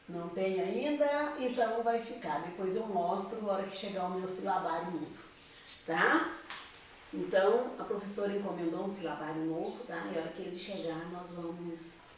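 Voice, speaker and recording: A woman's voice: medium pitch, distant mic, a little hiss or hum. A woman with a Brazilian Portuguese accent, a teacher patiently explaining a lesson to young pupils and checking they follow. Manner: patient, repeats and checks understanding with "tá?". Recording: roomy echo, speaker somewhat off-mic.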